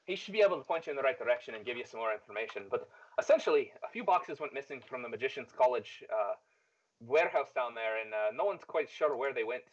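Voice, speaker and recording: A guarded, discreet employer from a college in a tabletop game, played by a man, weighing his words with small hesitations. His pitch is middling. The sound is dull and lo-fi. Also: animated, close to an everyday voice. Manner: measured, hesitant.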